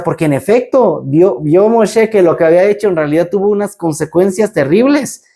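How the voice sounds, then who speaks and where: A man's voice: sits high, dark tone. A man teaching a Bible portion, telling the story with animation and acting out what the people in it said.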